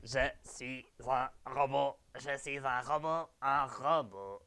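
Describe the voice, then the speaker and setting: A man with a Québécois accent putting on a robot voice, speaking slowly and deliberately as a stiff mechanical machine. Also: medium pitch, steady tone, pushed and bright. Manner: slow, drawn-out, deliberate delivery.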